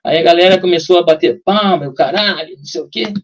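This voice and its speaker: A man telling a war story casually, animated, slangy and profane, acting out the shouts of others. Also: sits high, fast talker. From Brazil. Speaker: guest telling war stories. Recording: dull lo-fi sound, slightly distant mic.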